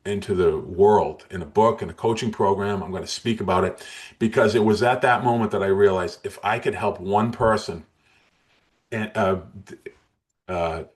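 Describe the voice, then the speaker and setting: A man's voice: fairly low pitch, normal speed. A man in his sixties, an interview guest telling his story in an earnest, emotional way with frequent restarts. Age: 60s.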